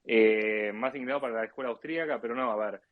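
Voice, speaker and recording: A man from Argentina, Argentine accent and all, joins a live audio discussion on politics as a caller, chatting informally with frequent hesitations and restarts. He speaks rapidly at a medium pitch with no echo. The close, dry live-chat microphone gives muffled, low-fidelity audio.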